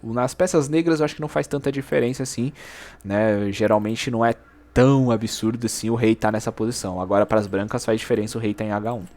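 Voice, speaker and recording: A man talking through his own chess game in slangy, animated commentary, often exclaiming at the moves. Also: lowish voice, quick pace. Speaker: chess YouTuber.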